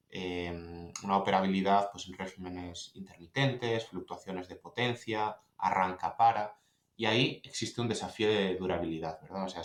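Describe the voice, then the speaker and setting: Low-voiced Spanish host in echoey room. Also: male voice. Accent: Spain Spanish. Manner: long winding questions with restarts. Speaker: podcast host. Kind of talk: interview questions.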